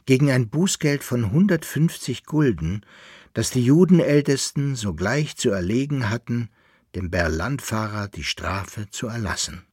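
A man reading a story aloud in a measured narrating manner. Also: medium pitch, animated, darkish tone, breathy edge, no room sound, clean studio sound. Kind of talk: audiobook narration.

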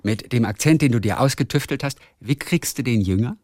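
A man hosting a radio interview, asking brisk, chatty questions. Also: mid-range voice, a little mellow, dry recording, studio quality. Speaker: radio host.

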